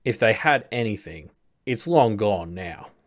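A man voicing an arrogant male captor who talks with cool, unhurried disdain. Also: on the low side, lively intonation. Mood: dismissive.

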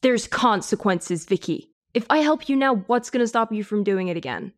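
Sardonic teenage healer girl, raised pitch, stern and sarcastic, as a male narrator puts her on. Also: lively intonation, normal speed. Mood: reproachful. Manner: sarcastic, reproachful. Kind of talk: audiobook character voice.

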